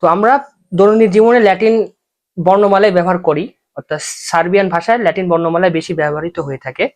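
A language teacher giving a spoken alphabet lesson, patiently going letter by letter and repeating each example word slowly for learners. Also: medium pitch, steady tone.

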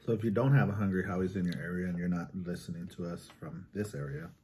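A man co-hosting a casual food vlog in a low, dark, mellow voice. He talks plainly and lets his sentences fade out quietly. Faint background noise runs under him. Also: steady tone, fast talker. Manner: matter-of-fact, trails off quietly. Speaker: mukbang co-host. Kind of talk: casual food review chat.

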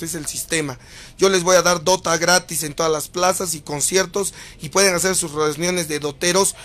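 A man with a Peruvian accent and a rather high voice rants through viewer comments in a casual, profane way. He is theatrical, jumping from loud mocking outbursts to low, grumbling asides. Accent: Peruvian Spanish. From Peru. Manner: theatrical and crude, swinging from mock shouting to low mutters. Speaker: video host reading viewer comments.

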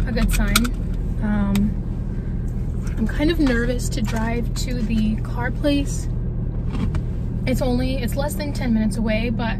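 A woman's voice: on the high side, heavy background noise. A young woman in her twenties talking candidly to her phone camera in a casual vlog, first from inside her car and later from a room. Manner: chatty, candid, slightly nervous. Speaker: vlogger. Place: inside a parked car, then an indoor room. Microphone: phone camera at arm's length.

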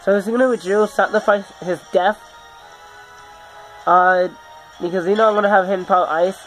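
A man's voice: high voice, fairly even intonation, fairly bright tone, soft background music, rough recording. Sick-sounding man rambling through game commentary. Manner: rambling, halting, self-correcting. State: sick, under the weather. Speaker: gaming channel host.

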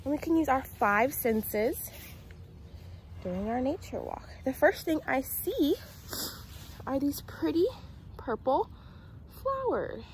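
A woman in her twenties talks slowly and in a sing-song way to young children, like a teacher on a nature walk, with simple phrases, questions, and long pauses. Her voice sits high. The handheld phone, held at arm's length outdoors in a residential yard, gives poor audio with slight background noise.

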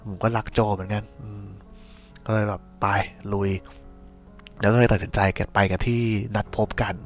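A man's voice: lowish voice, fairly even intonation, normal speed, a little mellow, faint music behind. A man hosting a podcast, telling a casual spoiler recap of a series in a rambling, slangy way with many restarts. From Thailand.

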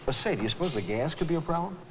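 An older man playing a skeptical customer at a repair shop in a 1980s training film, gruff in manner. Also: a little high, lively intonation, rapid-fire, in a large hall, slight background noise, rough recording. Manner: gruff, skeptical, then agreeable. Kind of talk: 1980s educational film acting.

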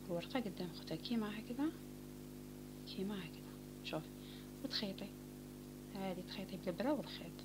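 A woman with an Algerian Arabic accent giving a calm step-by-step crochet tutorial, often dropping to a near whisper. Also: fairly low pitch. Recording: home recording with clear background noise.

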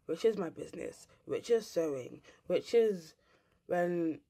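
Blunt, rambling woman vlogger, low voice. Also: lively intonation, unhurried, dark tone, breathy edge. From England. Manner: rambling, blunt, swears freely. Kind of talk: casual ranting monologue.

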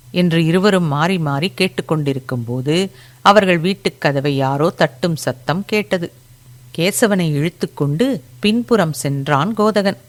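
A woman reads a story chapter aloud in a measured, deliberate narration. Her voice sits on the low side and moves slowly and evenly. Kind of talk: storybook reading.

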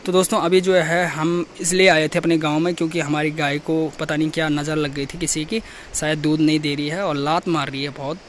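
A young male vlogger from Uttarakhand, India, narrates a walking vlog through his hill village, filmed outdoors on a handheld camera. His voice sits a little high, with slight background noise, and he chats away, warmly greeting neighbours with loud calls as he passes.

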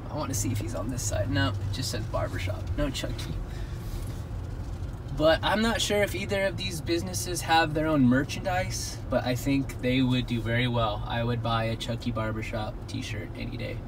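Background noise accompanies an older man's medium-pitched voice at normal speed as he walks a city street outdoors. In this casual walking vlog he muses chattily, frequently stopping mid-thought to rephrase.

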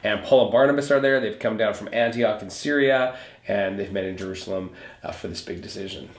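A man with a lowish, brisk voice speaks as a pastor, giving an earnest, conversational recap of a sermon that explains scripture. He repeats points for emphasis. The recording has a roomy echo.

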